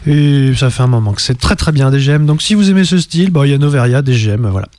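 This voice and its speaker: A man's voice: mid-range voice, quick pace, a little mellow, no echo. A man co-hosting a radio music show, chatting and joking casually.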